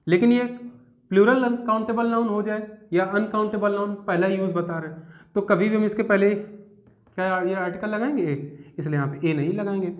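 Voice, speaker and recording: High-voiced Hindi-accented man teaching grammar. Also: fairly even intonation. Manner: explains step by step, asks students questions; reads example sentences out slowly. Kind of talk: classroom grammar lesson.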